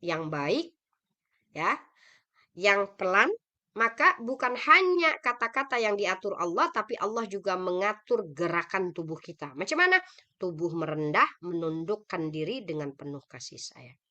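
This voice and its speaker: A woman's voice: medium pitch, bright, forceful tone, muffled recording. A middle-aged woman with an Indonesian accent gives a Quran study lecture over a video call. She explains each point and asks the listeners questions, then answers them herself. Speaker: religious teacher. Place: online meeting.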